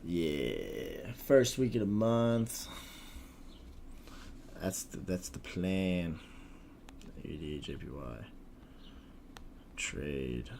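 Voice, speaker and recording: A young man trading forex on a live stream, talking casually in slang with a husky voice like a smoker's, often mumbling and trailing off. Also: low-pitched, expressive, drawn-out words, long pauses, darkish tone, slight background noise.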